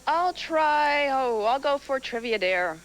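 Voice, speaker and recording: A woman's voice: high-pitched, lively intonation, slow pace. A woman answering casually as a contestant being interviewed on a game show. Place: television game show studio.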